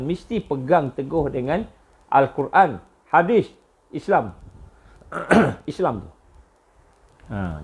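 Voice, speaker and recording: A man with a Malaysian Malay accent giving a religious lecture, telling stories with lots of repetition and a voice that jumps high on key points. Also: a little mellow, breathy edge, muffled recording.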